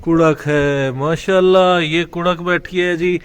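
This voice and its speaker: A man's voice: on the high side, steady tone, measured pace, a loud crowd. A man hosting a casual pet vlog at an outdoor bird enclosure, instructing a boy as he narrates. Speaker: vlog host.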